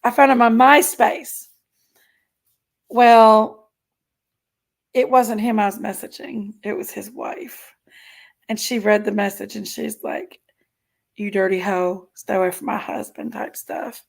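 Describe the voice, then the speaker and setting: This 40-something livestream host speaks slowly in a creaky, steady, medium-pitched voice with long pauses. She reads viewer comments in a casual chat, speaking frankly and giggling.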